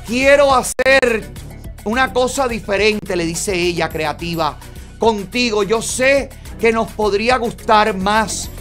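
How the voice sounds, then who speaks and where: A man hosts a gossip show, reading private messages aloud and reacting with theatrical exclamations. His delivery is flamboyant and dramatic throughout. Faint music plays softly underneath his voice. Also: high-pitched. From Cuba. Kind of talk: reading chats aloud with commentary.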